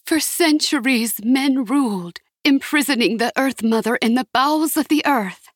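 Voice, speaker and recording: Woman putting on the husky, high-voiced Earth Mother spirit. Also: normal speed, no room sound, studio quality. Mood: solemn commanding. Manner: high, chanting proclamation. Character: ancient skeletal Earth Mother spirit, female, commanding. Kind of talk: audiobook character voice.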